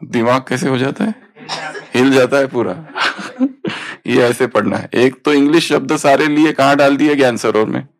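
A man's voice: mid-range voice, steady tone, normal speed. A man teaching a spiritual study class, explaining points and prompting students to read aloud.

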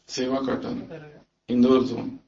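A man's voice: mid-range voice, flat delivery, mellow, slight background noise. Man preaching in an echoey room. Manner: asks the listeners many rhetorical questions; slips quoted English phrases into his talk. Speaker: spiritual teacher. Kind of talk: religious discourse to a gathering. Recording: echoey, muffled room recording.

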